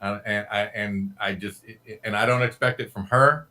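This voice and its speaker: A middle-aged man in casual chat on a live stream, talking loudly and joking about himself. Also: on the low side, fairly even intonation, normal speed. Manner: loud, joking, self-deprecating.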